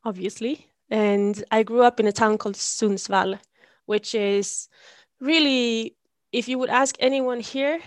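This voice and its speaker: A woman's voice: a little high, measured pace, no room sound. Thoughtful young woman, dry close sound. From Sweden. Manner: thoughtful, searching for words, many restarts. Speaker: guest, long-distance cyclist. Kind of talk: reflective interview answers.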